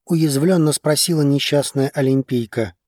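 A husky male narrator reads a story aloud for an audiobook with a calm, even delivery. His voice sits a little high. The close recording sounds dry, with no room echo. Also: moderate pace.

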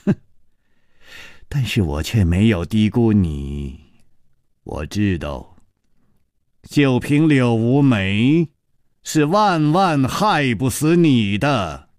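Man doing a cold scheming woman captor, low sneering voice, slow, dry close sound. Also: very animated, no room sound.

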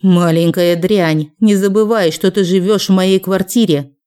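A woman voicing a cruel, haughty middle-aged mother who shouts, hisses and sneers. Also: fairly low pitch, moderate pace, smooth, close to an everyday voice. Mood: hissing.

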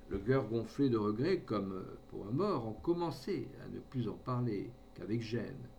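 A man narrating a classic short story in a measured, expressive reading voice. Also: on the low side, slight background noise. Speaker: audiobook narrator.

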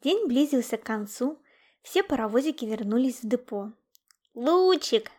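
Expressive woman reading a children's story. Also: on the high side, normal speed. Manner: expressive, voices the characters' lines with lively emphasis.

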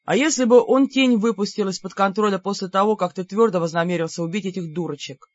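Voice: medium pitch, fast talker, no echo, lo-fi sound, close to an everyday voice. A narrator doing a wry, stern older brother. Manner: dry, mocking and stern. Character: young man, calm wry older brother.

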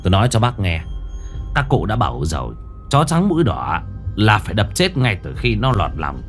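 Một người đàn ông kể chuyện đóng vai một thầy pháp trẻ, nói giọng trầm, chắc nịch như giảng giải. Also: male voice, lowish voice, wildly swooping pitch, normal speed, faint music behind. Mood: stern. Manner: authoritative, lecturing. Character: young male exorcist, calm and commanding.

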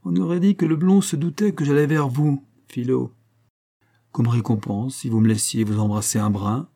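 A man's voice: mid-range voice, steady tone, moderate pace, gravelly, warm tone, pitched above the performer's own voice, lightly acted. A man reading aloud, voicing a carefree, persistent young coachman in a coaxing, easy-going manner. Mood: coaxing, cheeky.

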